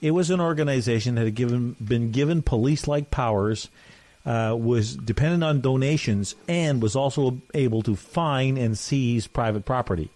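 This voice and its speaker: A man's voice: medium pitch, moderate pace, a little mellow. A man hosts a podcast with a mid-range voice and gives folksy, plain-spoken opinions. His delivery is casual and conversational, with the odd "uh" between points. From Canada. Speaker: podcast host. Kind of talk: casual talk-show commentary.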